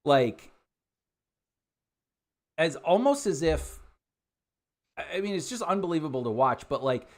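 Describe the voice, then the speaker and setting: A man running a tabletop game, narrating casually as he improvises, in a halting, conversational way. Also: fairly high pitch, very animated. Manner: halting, conversational, many trailing pauses. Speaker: game master.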